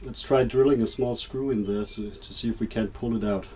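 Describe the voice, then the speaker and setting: A boat owner in his thirties or forties with a Danish accent narrates a casual DIY vlog from a small boat cabin, sounding hesitant and understated. His mid-range voice is brisk with fairly even intonation, and the camera audio picks up clear background noise.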